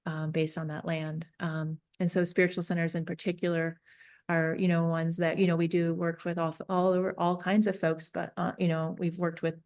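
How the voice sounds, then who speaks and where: A woman from Northern California, a peacemaker and facilitator, talking through her thoughts in an interview with many pauses and restarts. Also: on the low side, level tone, a little mellow. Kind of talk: reflective interview talk.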